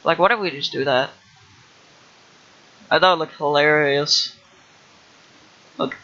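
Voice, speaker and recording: Building a game level live, a young man chats loosely to his stream, stumbling through fillers and restarting his sentences. He speaks slowly in a bright, strained voice on the high side, and the recording has a dull quality.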